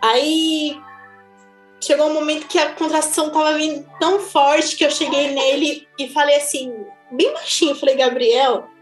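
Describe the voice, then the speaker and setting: A woman with a Brazilian Portuguese accent recounts her own experience in a lively, chatty voice that sits high in pitch. She speaks casually and laughs easily. The room rings with echo, and faint music plays underneath. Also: moderate pace. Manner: animated, chatty, laughs often. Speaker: mother telling her birth story. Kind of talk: casual personal storytelling.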